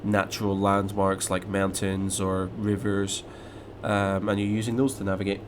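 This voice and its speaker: A young man from Scotland speaks in a low, monotone voice at normal speed while streaming flight sims, his Scottish accent carrying a slight English mix. Reading viewer questions aloud, he rambles casually with many fillers and restarts, and background noise is audible.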